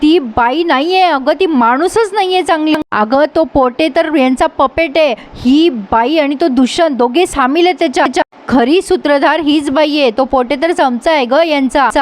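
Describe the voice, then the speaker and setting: An indignant young male doctor confronting his mother, read out by a woman. He sounds high and light and talks in accusing bursts. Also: moderate pace, few pauses, close to an everyday voice. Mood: angry.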